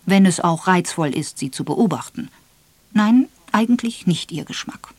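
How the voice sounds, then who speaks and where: An audiobook reader voicing an elderly woman, polite, self-effacing and quietly curious. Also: fairly low pitch, lively intonation, a little slow, dry recording. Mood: musing. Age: older. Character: Miss Marple, elderly lady, modest and shrewd. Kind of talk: audiobook character voice.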